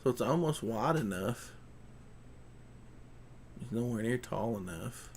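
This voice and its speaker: A man's voice: medium pitch, expressive, slow, a little mellow, a little hiss or hum. A man chatting casually and thinking aloud as he works, muttering to himself in a folksy, colloquial way. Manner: folksy, colloquial grammar with ain't. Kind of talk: casual chat while working at a computer.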